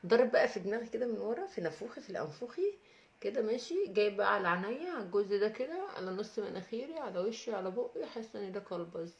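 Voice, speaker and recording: A woman's voice: medium pitch, sing-song, very fast, reverberant, muffled recording. A woman with an Egyptian Arabic accent hosting a casual live stream, in pain from a toothache, moaning and complaining wearily. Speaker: livestream host.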